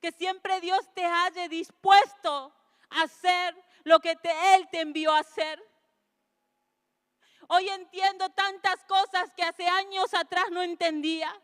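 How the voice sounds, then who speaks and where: A woman pastor preaches in a very high voice, her words ringing out in a long hall reverb. She talks earnestly and swells into fervent, emotional calls. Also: a bit bright. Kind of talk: sermon.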